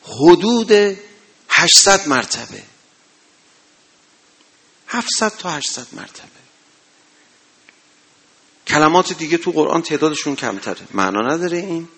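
Impassioned high-voiced Iranian preacher. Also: male voice, big pitch swings, long pauses, breathy edge. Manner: impassioned, rising to loud exhortations then dropping low. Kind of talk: religious sermon.

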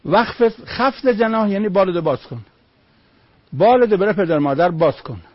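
A man's voice: high voice, expressive, no echo, dull audio. A man preaching on Quran verses, emphatic, with rhetorical questions and short stories.

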